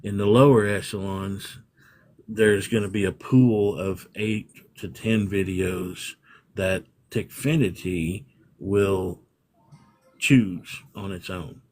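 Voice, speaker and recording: A man with a fairly low voice talks through his setup in a loose, meandering interview chat. He keeps circling back and restarting his thoughts as he explains things. It sounds like an easygoing conversation. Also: fairly even intonation, takes it slowly, a little mellow. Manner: rambling explanations, frequent restarts. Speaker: livestream room owner, guest.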